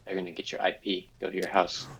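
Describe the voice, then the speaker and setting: A man co-hosting a gaming podcast, talking in a playful, rambling way with lively jumps in pitch. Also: fast, vocal fry, husky, rough recording. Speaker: podcast co-host. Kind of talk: casual gaming chat.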